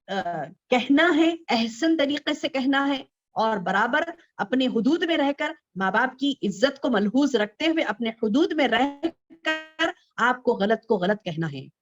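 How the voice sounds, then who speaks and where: A female Islamic scholar giving a religious lecture to women. She repeats phrases, asks rhetorical questions and recites verses slowly before explaining them. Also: sits high. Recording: dull lo-fi recording.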